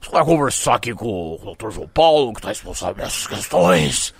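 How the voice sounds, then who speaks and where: A man with a Brazilian accent voicing a slow, pompous older male club president who drawls placatingly. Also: on the low side, sing-song, voice pushed down. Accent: Brazilian Portuguese.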